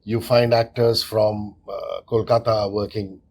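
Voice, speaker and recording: A man hosts the interview, asking long, winding questions full of praise. His voice is slightly husky. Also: fairly low pitch, little pitch movement, unhurried, a little mellow. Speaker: host.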